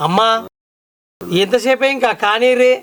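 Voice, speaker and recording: A man's voice: very high-pitched, a little slow, fairly bright tone. A young man with a Telangana accent acting as a village son about to leave home, teasing his family in a comedy skit. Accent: Telangana Telugu. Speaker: son leaving for abroad. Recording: music playing behind the voice.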